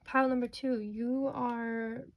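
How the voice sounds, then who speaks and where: A woman's voice: a little high, fairly even intonation, unhurried. Woman fortune teller giving a tarot reading. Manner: fortune teller talk, reassuring and mystical, often checking in with "okay?". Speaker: tarot card reader, host. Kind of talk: informal tarot oracle reading addressed to the listener.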